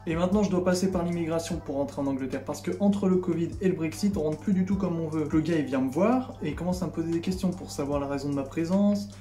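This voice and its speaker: A man's voice: a little high, fast talker, hardly any pauses, dark tone. A young man from France giving a comic vlog monologue in a sarcastic, mock-indignant way. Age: young adult. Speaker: vlogger. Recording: echoey room, faint background music.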